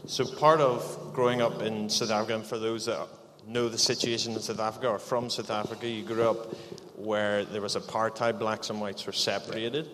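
A man's voice: on the low side, level tone, normal speed, hardly any pauses, fairly bright tone, a little hiss or hum. A man leading a live church interview, upbeat and encouraging as he prompts his guest with questions. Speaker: church leader hosting an interview. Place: church hall. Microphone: handheld microphone. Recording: echoey church hall.

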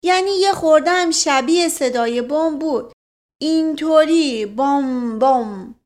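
A woman's voice: sits high, voice pushed up, close to an everyday voice. A woman playing a flustered young man. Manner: flustered, hasty. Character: nervous young male cousin, flustered.

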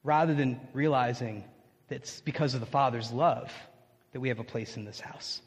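A man preaching a sermon in a casual, conversational and animated way, recorded in an echoey church. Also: mid-range voice, normal speed, husky. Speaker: pastor.

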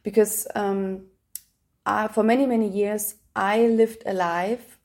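A woman hosting her podcast, talking earnestly in a halting way with frequent fillers. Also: mid-range voice, fairly even intonation, darkish tone. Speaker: podcast host. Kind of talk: casual conversational interview.

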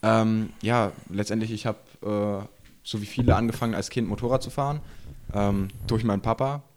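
A man's voice: lowish voice, steady tone, moderate pace, darkish tone. A man in his twenties from eastern Germany, a podcast guest chatting casually, rambling, laughing often and using slang. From Saxony-Anhalt, Germany. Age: 20s. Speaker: podcast guest, enduro rider. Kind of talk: casual chat.

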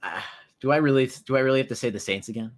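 Eager male sports co-host, mid-pitched. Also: very fast. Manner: eager, conversational. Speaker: podcast co-host. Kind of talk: casual sports chat.

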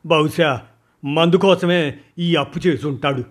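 A man's voice: a little high, measured pace, pitched above the performer's own voice. A man voicing a nervous young male underling who answers in a hesitant, placating way.

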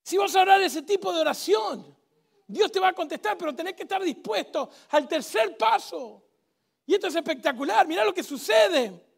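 A man preaching a sermon in a church with a Rioplatense accent, emphatic, swinging between shouts and hushed intensity. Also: very high voice, expressive, moderate pace, vocal fry. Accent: Rioplatense Spanish.

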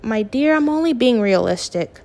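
A calm, practical middle-aged father who speaks in a measured, gently firm way, read by a woman narrating a storybook. He sounds steady and reasonable. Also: a little high, voice pushed up.

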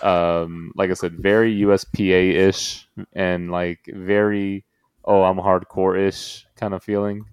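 A man hosting a casual chat, talking in an animated, rambling, joking way. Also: low-pitched, unhurried, few pauses, clean tone, dry recording. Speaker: podcast host.

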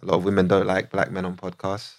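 A man's voice: sits low, fast. A man hosting a podcast, chatting casually and joking with his guests. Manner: relaxed, joking, welcoming. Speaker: podcast host. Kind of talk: casual chat.

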